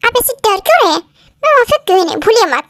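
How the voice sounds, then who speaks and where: A woman's voice: extremely high pitch, big pitch swings, fast talker, a bit bright, slight background noise, exaggerated voice. A woman voicing a proud young female mafia queen who is a wife, insistent and tender in turn, as a fan-dub actor. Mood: stubborn. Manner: insistent, pleading then tender. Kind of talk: Hindi fan dub acting.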